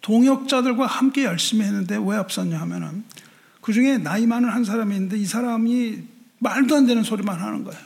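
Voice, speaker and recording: A man preaching a sermon as pastor, telling a story and acting out the quoted lines, often dropping softly at the ends of phrases. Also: sits high, quick pace.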